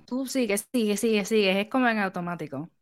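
A woman's voice: medium pitch, fairly quick, crowd noise. A woman hosting a casual interview who sums up what the guest said and prompts her with questions. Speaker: podcast host.

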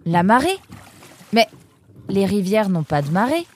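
A woman voicing an eager, excitable young male reporter in a children's audio story, speaking high and breathless. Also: unhurried, a little hiss or hum. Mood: excited.

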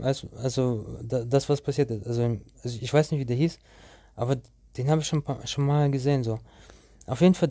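A man's voice: mid-range voice, warm tone, no room sound, clean studio sound. A young man telling a story to his viewers in a casual, rambling way, full of slang and restarts.

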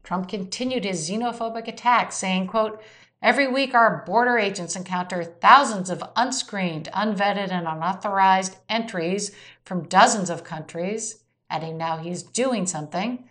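A woman's voice: medium pitch, normal speed, a bit bright. A woman narrating a scripted weekly news summary, marking each quotation aloud. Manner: reads quotes with air quotes.

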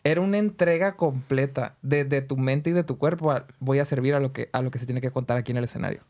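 A man's voice: medium pitch, quick pace, a little mellow. A man with a Mexican accent, a friend and guest, speaking enthusiastically and praising the interviewee. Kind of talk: casual interview.

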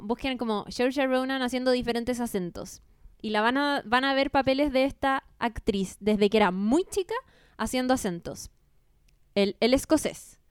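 A Chilean woman talking casually with a fairly high, smooth and clear voice. She is animated and full of slang and quick asides. It is a dry recording with no room sound. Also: no echo. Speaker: podcast co-host. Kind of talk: casual chat.

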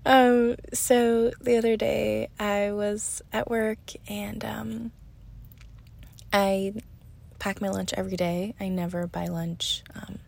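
A young woman telling a casual story on her podcast, chatty and full of "like", sometimes dropping to a soft whisper. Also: mid-range voice, fairly even intonation, takes it slowly, vocal fry. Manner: chatty, heavy use of "like", drops to soft whispers. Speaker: podcast host.

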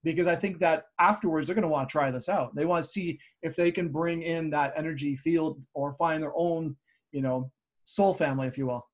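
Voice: mid-range voice, brisk. A show host in a casual interview chat, talking in a rambling way and restating phrases.

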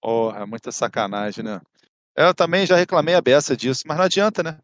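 Blunt Brazilian man from Rio, fairly high voice. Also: brisk, no room sound. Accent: Brazilian Portuguese, Rio. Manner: blunt, complaining, sweary. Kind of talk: casual chat.

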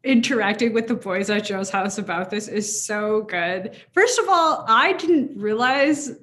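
A woman's voice: mid-range voice, unhurried. A woman from Wisconsin co-hosting a podcast, chatting casually and laughing often while recapping an episode. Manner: giggly, animated, laughs often. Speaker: podcast co-host.

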